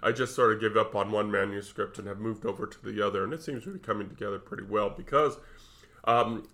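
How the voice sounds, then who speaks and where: A man's voice: lowish voice, fast, fairly bright tone. A middle-aged man with a stuffed-up, congested voice, rambling and self-deprecating as a podcast co-host on a close mic. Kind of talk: casual podcast chat.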